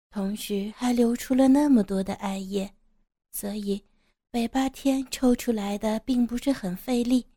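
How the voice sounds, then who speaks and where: A woman narrating an erotic audio story in a slow, even reading voice. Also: on the high side, dry recording, studio quality.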